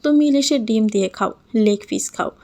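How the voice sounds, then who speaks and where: Woman voicing a calm, teasing older-brother boss. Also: on the high side, normal speed, natural voice.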